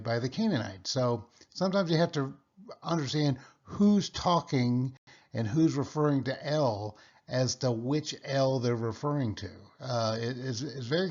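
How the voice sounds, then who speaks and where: A man gives a casual Bible study lesson at a middling pitch, working through each point out loud. He stops often with "uh", restarts his phrases and checks in with a quick "okay?". The sound is a bit dull and muffled. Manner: halting, with frequent "uh" and restarts.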